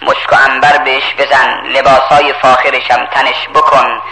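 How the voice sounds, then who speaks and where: A preacher voicing a grave old prophet. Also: male voice, medium pitch, little pitch movement, pitched below the performer's own voice, natural voice. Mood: gentle. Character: aged male prophet, solemn and devout. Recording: echoey hall with crowd.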